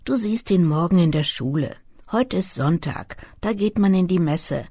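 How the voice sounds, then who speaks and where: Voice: medium pitch, lively intonation, moderate pace, slightly rough, no room sound, studio quality. A reader voicing a stern, devout old grandmother who speaks curtly and under her breath, in an audiobook. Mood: curt, hushed. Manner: curt, hushed. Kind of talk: audiobook character voice.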